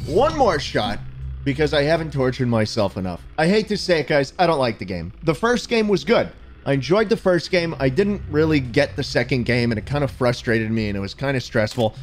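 A man giving loud, excitable, swearing commentary while playing a game. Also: mid-range voice, fairly quick. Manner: excitable, swearing, laughing outbursts. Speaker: gaming streamer. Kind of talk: let's-play commentary. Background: game music.

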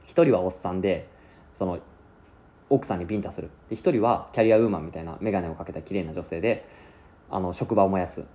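A man's voice: low voice, quick pace, dark tone. A man recapping an anime plot in a chatty, casual way, acting out lines as he goes. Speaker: anime reviewer.

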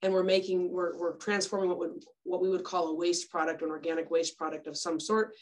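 Brief: woman extension educator on a video call, low-ish voice, chatty and friendly. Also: flat delivery, fairly quick, a little hiss or hum. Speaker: extension educator giving a compost talk. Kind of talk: informal webinar presentation.

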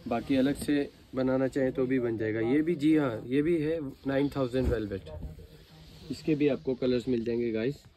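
An Indian man selling to viewers in an eager, urging, informal teleshopping pitch. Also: moderate pace, dark tone. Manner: eager, urging sales patter, repeatedly addressing viewers. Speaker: fabric seller and channel host.

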